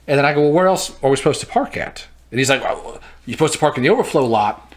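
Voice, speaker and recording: A man's voice: on the high side, fast talker. A man co-hosting a podcast, telling work stories in casual chat and laughing as he goes. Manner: animated, laughs through his stories. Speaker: podcast co-host.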